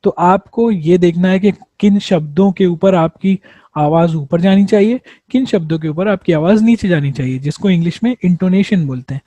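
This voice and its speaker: A man's voice: sits high, normal speed, warm tone, no echo, lo-fi sound. A man teaching exam prep, explaining step by step, repeating points and answering his own questions. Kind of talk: explanatory lesson.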